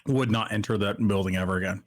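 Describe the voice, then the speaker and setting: A man's voice: fairly low pitch, fast. A man co-hosting a casual movie podcast, rambling with self-deprecating jokes. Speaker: podcast co-host.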